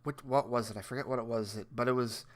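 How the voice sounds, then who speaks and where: A man's voice: mid-range voice, fairly even intonation, quick pace. A man co-hosting a podcast in casual chat, rambling with repeated words and restarts and frequent laughs. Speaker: podcast co-host.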